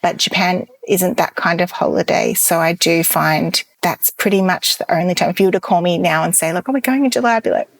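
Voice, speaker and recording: A chatty woman talks through her travel tips in an easy, enthusiastic way. Her voice sits low with a gravelly edge. The recording is close and dry. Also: a little fast, hardly any pauses, no echo. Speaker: travel blogger guest. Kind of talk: casual podcast interview.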